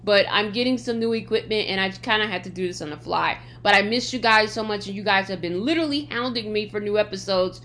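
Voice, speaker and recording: A woman's voice: mid-range voice, quick pace, few pauses, fairly bright tone, slight background noise. A woman hosting a solo podcast, speaking bluntly and emphatically with a slight lisp from sores in her mouth. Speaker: podcast host. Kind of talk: opinionated solo podcast talk.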